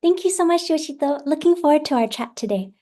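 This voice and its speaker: A woman's voice: sits high, expressive, quick pace, dark tone. A middle-aged woman from the Washington D.C. area, a literacy specialist answering interview questions in a gracious, articulate way. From United States, Washington D.C. area.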